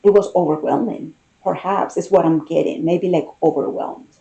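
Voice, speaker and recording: A tarot reader talking in an intimate, conversational style, musing in short phrases with pauses between them. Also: medium pitch, fairly even intonation, vocal fry, dark tone, highs cut off.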